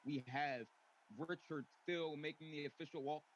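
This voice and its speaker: A man announcing like a boxing ring announcer, with ceremonial, drawn-out introductions. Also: fairly high pitch, steady tone. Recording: muffled lo-fi mic with faint noise.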